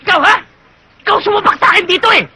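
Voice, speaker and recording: A loud, very high-pitched bully, yelling menacing threats at his victims. Heavy noise runs beneath the film track. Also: racing. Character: loud bullying male extortion thug.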